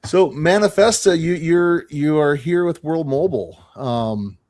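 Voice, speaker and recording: A man's voice: a little high, measured pace, darkish tone, dry recording, studio quality. A man co-hosting a casual show, chatty and prone to repeating words. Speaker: co-host. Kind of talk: casual chat.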